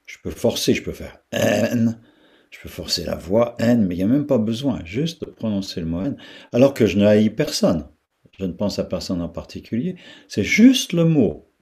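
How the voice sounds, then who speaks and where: A man leading a guided meditation talk, speaking slowly with pauses and repeating syllables to show how they sound. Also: lowish voice, animated, mellow, breathy edge. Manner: slow, pausing, repeats syllables to demonstrate their sound. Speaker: meditation teacher.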